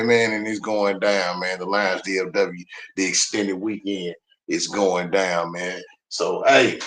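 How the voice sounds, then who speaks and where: A man's voice: mid-range voice, fairly bright tone. A man hosting a livestream in casual chat, loose and repetitive, filling nearly every phrase with "man" and "you know what I'm saying.". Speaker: livestream show host.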